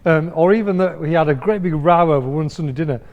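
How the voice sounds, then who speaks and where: A man's voice: fairly high pitch, fast, highs cut off. A man co-hosting a casual live stream, hesitant and understated, with frequent ums. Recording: long hall reverb.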